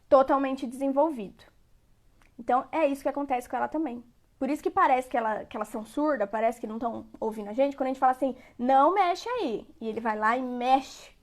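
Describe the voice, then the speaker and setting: A woman giving a parenting lecture, conversational and repetitive, often checking in with her listeners. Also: high-pitched. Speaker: parenting educator.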